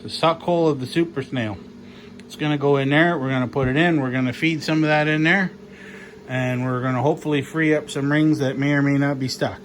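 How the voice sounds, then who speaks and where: A man's voice: medium pitch, steady tone, brisk, slight background noise. A man vlogging about his engine work, rambling and joking as he goes, swearing casually. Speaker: mechanic vlogger. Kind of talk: casual workshop vlog.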